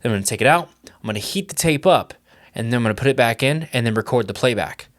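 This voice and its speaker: A young adult music producer vlogs casually as he tests music mixes on cassette tape, talking fast with lively intonation in a medium-pitched voice. Keen and talkative, he thinks aloud and uses plenty of fillers.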